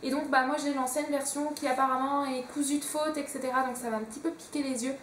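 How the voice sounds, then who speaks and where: Chatty young woman with a high voice. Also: steady tone, fast, a bit bright, far from the mic, a little hiss or hum. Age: young adult. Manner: chatty, hesitant with many fillers. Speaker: book vlogger. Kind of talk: casual chat. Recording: echoey room, a bit off-mic.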